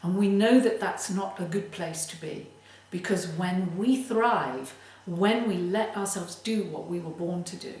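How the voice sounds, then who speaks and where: A woman giving a motivational tip as a creativity coach, speaking in a deliberate, emphatic way. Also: fairly low pitch, a little mellow. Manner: slow, deliberate, emphatic delivery. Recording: very echoey room, distant mic.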